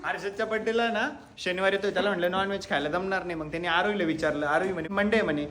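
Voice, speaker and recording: A woman talks fast in easy family banter, teasing playfully. Faint noise hums in the background. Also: on the low side, a bit bright. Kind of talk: casual family chat.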